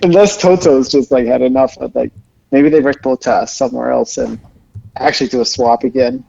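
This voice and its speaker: A man's voice: medium pitch, steady tone, normal speed, vocal fry, dark tone, highs cut off. A man co-hosting a casual motorsport podcast, easygoing and full of questions. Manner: easygoing, asks lots of questions. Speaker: podcast co-host.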